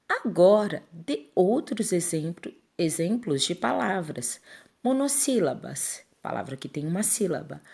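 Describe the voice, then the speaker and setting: Woman teacher going slow through a lesson for kids, husky, a bit gravelly, low-ish voice. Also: a little mellow. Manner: slow, clear dictation, syllable by syllable; checks in with pupils. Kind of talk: classroom lesson for children.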